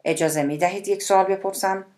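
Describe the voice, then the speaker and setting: A woman's voice: medium pitch, fairly even intonation, a little mellow, voice pushed up, natural voice. Woman reading a courteous male government spokesman.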